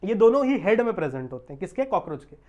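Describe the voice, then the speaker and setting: A man giving an online biology lecture. He keeps checking whether students understand, draws technical terms out slowly, and mixes English terms into his Hindi. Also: high-pitched, very animated, darkish tone, dull audio. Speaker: biology teacher.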